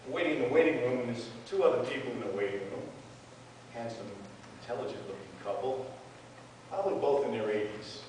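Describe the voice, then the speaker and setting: A man's voice: mid-range voice, fast talker, darkish tone, close to an everyday voice. A man playing a patient in a waiting room, telling the story in a dry, bemused way. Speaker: stage actor in a monologue. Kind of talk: theatrical monologue. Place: stage in a hall. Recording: echoey hall, far from mic, faint noise.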